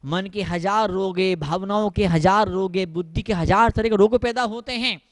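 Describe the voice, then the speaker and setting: High-voiced monk giving a sermon. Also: male voice, normal speed, no echo. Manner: repetitive, emphatic, mixing English phrases. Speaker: Jain monk.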